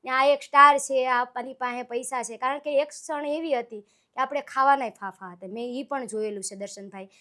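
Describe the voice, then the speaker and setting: Pitched high and held steady, her pushed, bright voice keeps a normal speed. She's a Saurashtra-born folk singer from Gujarat, a guest in a casual interview, recounting stories in a sincere, heartfelt storytelling manner.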